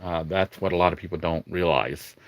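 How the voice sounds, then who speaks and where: This vlogger speaks a little fast in a deep voice, offering a loose, meandering video update peppered with hesitant "you know"s. The recording is muffled and has no echo, though faint ambient noise sits underneath.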